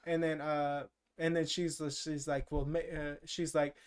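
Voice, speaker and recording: A man's voice: on the high side, flat delivery, a little slow, clean tone. A man co-hosting a podcast, recapping a movie in loose, jokey, profane chat full of "uh" and "like". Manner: rambling, filler-heavy, profane, jokey. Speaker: podcast co-host.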